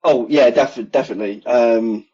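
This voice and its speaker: In a casual interview on a video call, a husky, mid-range English voice with a Midlands accent belongs to an air conditioning engineer in his thirties. He speaks at a moderate pace, relaxed, going into detail with many ums, while the audio from his home room is dull and lo-fi.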